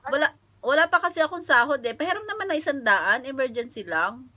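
Bright, giggly Filipino woman vlogger. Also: high voice, lively intonation, brisk, no room sound. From Philippines. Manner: giggly, laughs often between lines; chatty, addresses viewers directly. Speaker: vlogger making prank calls. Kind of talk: casual chat. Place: home flat.

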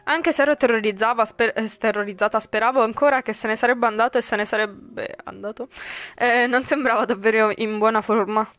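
A woman's voice: fairly high pitch, fairly even intonation, brisk, fairly bright tone, no echo, faint music behind. A woman reading a visual novel aloud for viewers, with frequent slips, self-corrections and chatty asides. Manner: chatty asides with English swearing. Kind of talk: reading a game aloud with casual commentary.

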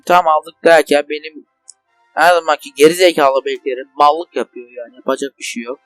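A man's voice: a little high, brisk, faint music behind. A young man hosting a gaming channel, giving casual let's play commentary, rambling and swearing at the game in frustration. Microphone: desk microphone.

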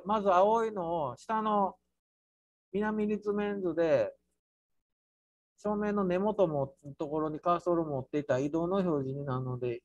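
A man with a Kansai accent teaching an architecture class through a software task, playful, with sound words and mock squeals. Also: fairly high pitch, no room sound, muffled recording. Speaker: architecture instructor.

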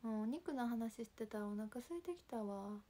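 A young woman with a Kansai accent, chatting casually on a livestream and reading viewer comments in a soft, calm voice that often drops near a whisper. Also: a little high, normal speed. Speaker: livestream host. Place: home.

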